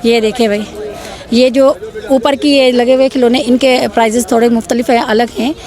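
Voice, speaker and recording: At an outdoor street bazaar, a woman with a Pakistani accent hosts a market vlog, using repetitive patter to urge viewers to come and buy her goods. Her voice is fairly high and darkish in tone, with fairly even intonation and a normal speed.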